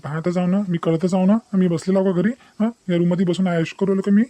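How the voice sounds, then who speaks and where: A man's voice: high voice, level tone, warm tone, dry recording, lightly acted. A man voicing a young, deceitful, bossy boyfriend in a cartoon, dismissive and threatening. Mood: angry. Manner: dismissive, taunting, fast-talking. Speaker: cartoon character. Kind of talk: Marathi cartoon voice acting.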